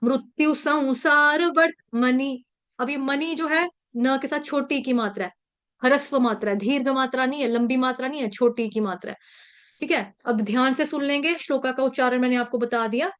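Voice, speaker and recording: A woman teaching an online class, patiently drilling the pronunciation of a verse and repeating syllables slowly. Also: sits high. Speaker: Sanskrit verse recitation teacher. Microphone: video call.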